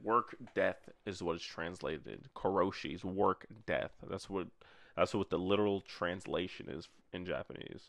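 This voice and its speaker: A man's voice: low-pitched, moderate pace, gravelly, no echo. A young man co-hosting an unscripted podcast, chatting casually, swearing often and breaking into laughter. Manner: animated, swearing, bursts of laughter. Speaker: podcast co-host.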